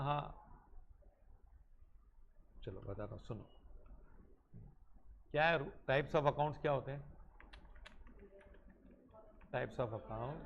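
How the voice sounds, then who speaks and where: Slow-spoken male commerce teacher. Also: gravelly. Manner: switches between Hindi and English, dictates rules slowly word by word; lively and teasing with students, pitch rises and falls a lot. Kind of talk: classroom lecture.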